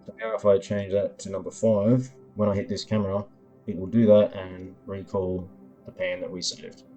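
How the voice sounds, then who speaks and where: A man demonstrating his own app in a screen-recording tutorial, explaining each control in an unhurried way, with lots of ums and uhs as he thinks aloud. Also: deep voice, level tone, mellow, faint music behind. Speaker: developer demoing his app.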